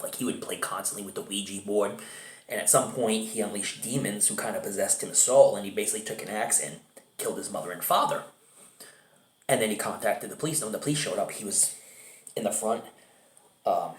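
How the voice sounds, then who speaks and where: A man casually reviewing a film, rambling with lots of fillers and frequent chuckles. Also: lowish voice. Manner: rambling, laughs often, many fillers. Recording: roomy echo.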